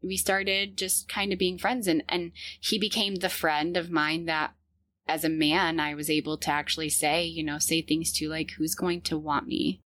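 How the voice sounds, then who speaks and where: A woman's voice: low voice, little pitch movement, normal speed, a bit bright, no echo. A woman in her thirties hosting a podcast, telling her personal story in a candid, earnest way and laughing often. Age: 30s. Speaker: podcast host.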